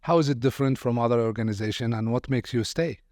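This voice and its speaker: A man's voice: mid-range voice, fast talker, darkish tone, no echo, studio quality. A man hosting a podcast interview, welcoming his guest and asking questions with some hesitant restarts. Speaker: podcast host.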